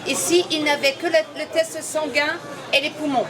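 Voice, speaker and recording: A woman's voice: high-pitched, steady tone, normal speed, music in the background. A woman chatting bluntly and joking in a street conversation. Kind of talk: casual street chat. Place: outdoors in a busy street. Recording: very loud crowd noise behind.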